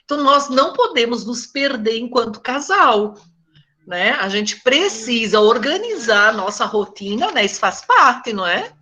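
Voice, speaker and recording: A woman's voice: fairly high pitch, sing-song, normal speed, pushed and bright. Older Brazilian woman with a chatty talk. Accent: Northeastern Brazilian. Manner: conversational, tells stories, often asks "né?" and addresses the group as "gente". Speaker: psychologist. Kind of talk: talk to a support group.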